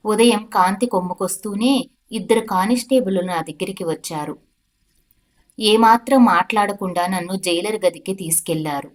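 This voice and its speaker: A woman's voice: medium pitch, moderate pace. Woman narrating a dramatic story. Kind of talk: first-person story narration.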